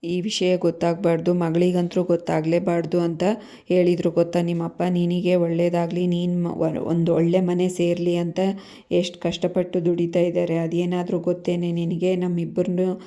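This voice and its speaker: A woman's voice: on the low side, monotone, normal speed, mellow, lightly acted. A woman voicing an angry mother who scolds her grown daughter reproachfully. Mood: scolding.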